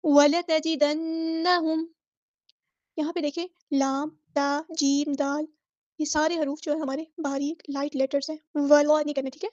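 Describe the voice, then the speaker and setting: A woman with a Pakistani Urdu accent teaching Tajweed, explaining each letter and reciting verses slowly and drawn out. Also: high-pitched, flat delivery, a little mellow, dry recording, dull audio. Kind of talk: Quran recitation lesson.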